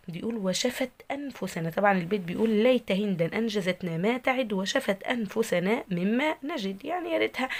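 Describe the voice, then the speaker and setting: A woman teacher with an Egyptian accent, walking through a recorded lesson and answering her own questions as she drills syllables one by one. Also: mid-range voice. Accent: Egyptian Arabic.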